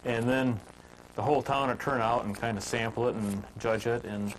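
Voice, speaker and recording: A man teaching woodcarving in a relaxed, homespun storytelling manner, chatting with filler words as he works. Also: medium pitch, normal speed, a little hiss or hum, poor audio. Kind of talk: folksy storytelling while demonstrating carving.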